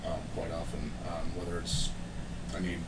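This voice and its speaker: Hesitant young man, very deep voice. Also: completely flat delivery, moderate pace, recorded from a distance, heavy background noise. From San Francisco Bay Area, USA. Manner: hesitant, many "um" fillers. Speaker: interview guest.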